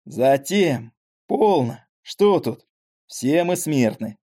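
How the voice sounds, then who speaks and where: A man's voice: fairly high pitch, lively intonation, very slow, mellow, exaggerated voice. A man voicing a frail, talkative old father with a weak voice and rambling folksy speech, in an audiobook. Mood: weak, tender.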